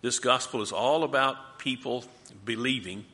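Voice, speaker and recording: A man leading a group Bible study, teaching and asking the group questions in an animated way. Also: mid-range voice, moderate pace. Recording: reverberant room.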